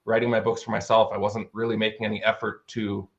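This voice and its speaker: His voice runs on the low side with a level tone and fast delivery, captured in lo-fi sound. The American fantasy author, in his thirties, tells stories as an interview guest, casually, eagerly and at length.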